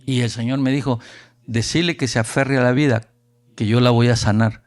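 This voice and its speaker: A man's voice: mid-range voice, normal speed, soft background music. A man from Honduras with a Honduran Spanish accent, preaching a storytelling sermon at a youth camp and acting out the people he quotes. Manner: animated, acts out quoted voices.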